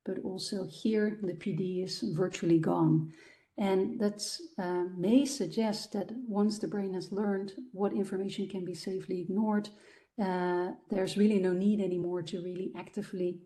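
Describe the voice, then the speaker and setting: A woman's voice: mid-range voice, dark tone. A woman giving an academic lecture about her research findings, explaining step by step with frequent ums and restarts. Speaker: guest lecturer.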